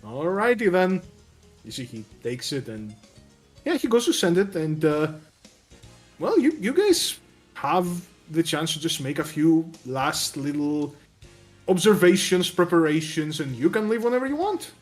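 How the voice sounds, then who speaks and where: A man's voice: on the high side, very animated, measured pace. A man narrating a tabletop game as game master, casual and improvised, speaking to his players. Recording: music playing behind the voice. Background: background music.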